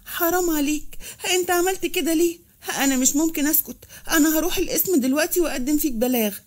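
Woman doing a scheming young egyptian secretary, quick, mellow, tearful then sly. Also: high-pitched. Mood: distressed.

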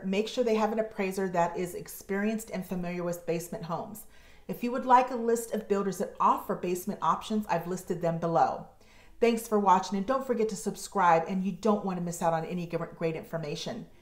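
An American woman in her forties hosts her own real estate channel and explains things to camera at her office desk. She talks in a measured, informative way and slows down on key words. Her mid-pitched voice carries a noticeable room echo from the webcam mic. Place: home office, indoors.

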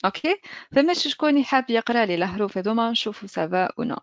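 A woman with a Tunisian accent teaches German pronunciation in an online lesson. She talks fast in a fairly high voice and keeps checking in with her students. The sound is dry and a little dull. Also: lively intonation, no echo.

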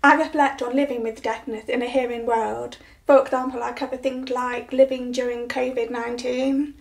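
A woman in her forties, a blogger giving a clear, deliberate scripted presentation with practical tips. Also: high-pitched. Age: 40s.

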